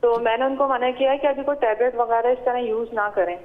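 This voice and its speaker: A woman's voice: fairly high pitch, fairly even intonation, a little fast. A woman calling in to a TV show, rambling and often saying "ji" as she explains. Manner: rambling, repeats "ji". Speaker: caller. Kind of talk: phone call to a TV show. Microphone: phone. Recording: tinny phone line.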